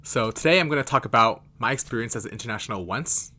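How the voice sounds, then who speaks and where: A man's voice: mid-range voice, animated, quick pace, bright, forceful tone. A young American man in his twenties, chatting casually to camera in a loose, rambling way. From California, United States. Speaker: K-pop fan vlogger.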